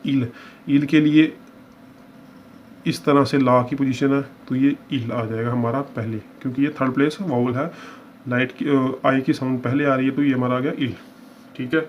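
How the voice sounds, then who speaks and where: A man's voice: mid-range voice, flat delivery, moderate pace. A man teaching shorthand, explaining each example step by step and often checking that students follow. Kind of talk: step-by-step lesson. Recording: dull lo-fi with faint hiss.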